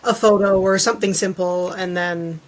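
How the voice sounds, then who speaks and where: A woman who is an illustrator and author chats casually as a podcast guest, in an informal, conversational way. Her mid-range voice holds a steady tone at normal speed. The audio quality is poor.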